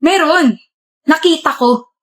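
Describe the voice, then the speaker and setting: A woman's voice: high voice, takes it slowly. A young woman playing a suspicious partner who insists on an accusation of cheating. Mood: accusing. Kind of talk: web drama acting.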